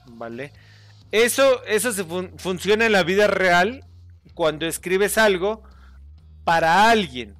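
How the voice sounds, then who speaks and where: A man's voice: high voice, animated, slow, a bit bright, dry recording, soft background music. A man hosting a casual screen-recording tutorial, rambling as he reads out view counts and corrects viewers' spelling. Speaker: YouTube gamer and channel host.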